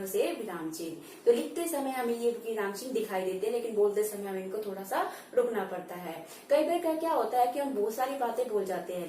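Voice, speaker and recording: A patient woman teacher explains grammar to her students, repeating points and saying example words slowly, one at a time. Her somewhat high voice sounds a little distant in an echoey room with faint ambience behind. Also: warm tone, slight background noise. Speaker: Hindi teacher. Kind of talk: online grammar lesson.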